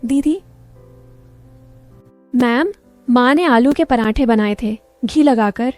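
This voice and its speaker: Woman reading a shy young male patient, hesitant and bashful, mellow tone. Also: fairly high pitch, takes it slowly, faint music behind.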